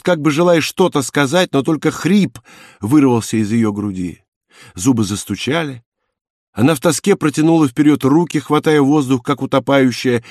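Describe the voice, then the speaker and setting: A man narrating a classic novel in a measured, grave storytelling manner. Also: medium pitch, darkish tone, no room sound, studio quality. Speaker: audiobook narrator. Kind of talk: dramatic literary narration.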